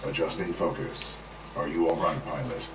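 A man voicing a huge damaged military robot as it reboots on low power, giving flat, clipped machine reports. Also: normal speed. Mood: rebooting. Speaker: robot companion in a video game. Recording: distant echoey game audio, loud noise.

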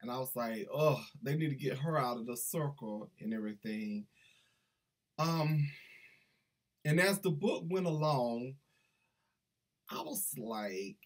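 Middle-aged man, husky-voiced book vlogger, eager and rambling, webcam in a small room. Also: mid-range voice. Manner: enthusiastic, chatty, digressive. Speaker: book reviewer. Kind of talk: casual book review vlog. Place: small indoor room with banners.

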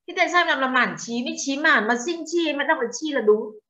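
A woman's voice: high voice, lively intonation, quick pace, bright, forceful tone. A woman teaching a translation class, questioning students and explaining terms with foreign words mixed in. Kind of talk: classroom lecture. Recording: dull lo-fi sound.

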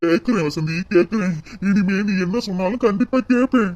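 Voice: medium pitch, brisk, darkish tone, no echo, natural voice. A performer voicing a remorseful, broke village husband in a cartoon, with a who whines and keeps repeating his wife's name. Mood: meek. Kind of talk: cartoon voice acting.

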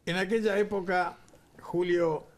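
A man's voice: sits high, flat delivery, a little slow. An older man with a Uruguayan accent hosting a TV sports talk show, chatty and reminiscing, speaking into a headset mic in a studio. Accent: Uruguayan Spanish. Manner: chatty, reminiscing, lots of fillers. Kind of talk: casual studio interview. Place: TV studio set.

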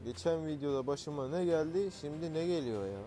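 A man's voice: a little high, animated, brisk, mellow, soft background music. A man hosting casual gameplay commentary, talking in an exasperated, grumbling and slangy way while he plays. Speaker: gaming channel host.

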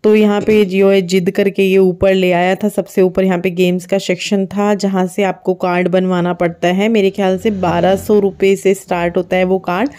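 A woman's voice: mid-range voice, flat delivery, normal speed, few pauses, warm tone. A woman in her thirties narrating a family vlog, chatting in a homely way about prices and shopping, filmed on a phone held at arm's length. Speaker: family vlogger. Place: busy indoor shopping mall.

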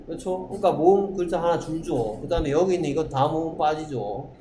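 A man's voice: on the high side, a little fast, a crowd in the background. Man teaching English in echoey classroom. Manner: drills pronunciation, quizzes students with rhetorical questions. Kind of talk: classroom lecture. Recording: echoey classroom, faint noise.

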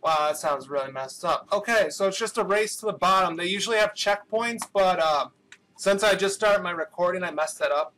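A young man hosting his own gaming channel, chatting casually and swearing as he plays, with excited outbursts, recorded through a webcam microphone. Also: high voice, a little fast, a little hiss or hum. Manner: loose and profane, with excited outbursts. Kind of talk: casual gameplay commentary.

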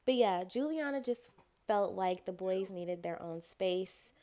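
A woman's voice: medium pitch, lively intonation, measured pace, warm tone. Chatty woman narrating a life-sim game. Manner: chatty and playful, voicing her characters' thoughts. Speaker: gameplay narrator. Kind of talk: casual let's-play commentary.

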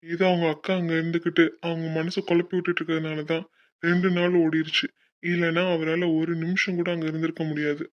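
A good-natured young man in love, played by a woman in a cartoon, teasing and easygoing. The voice sits fairly low, and the recording is dull and lo-fi. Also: little pitch movement, brisk, lightly acted. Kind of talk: cartoon voice acting.

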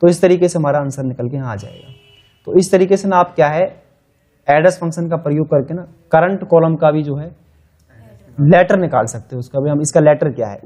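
A man walks through a spreadsheet lesson in a relaxed, conversational way, narrating each keystroke as he types. His voice sits a little high for a man, and he stops to correct himself now and then. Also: brisk. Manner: casual, conversational, thinking aloud while typing. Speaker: Excel instructor. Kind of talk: screen-share tutorial.

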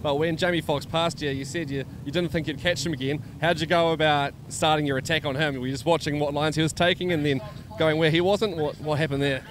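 A man's voice: fairly high pitch, steady tone, a little fast, few pauses. A man with a broad New Zealand accent interviewing as a pit reporter at a speedway. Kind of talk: trackside interview. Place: outdoors in speedway pits. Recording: noisy outdoor speedway, engines behind.

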